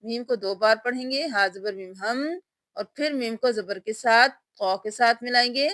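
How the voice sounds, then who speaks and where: In a tajweed lesson, a woman teaches Quran reading by spelling out each letter, then reciting the word in a slow, drawn-out way. Her voice is a little high with a fairly bright tone, and the recording has no echo.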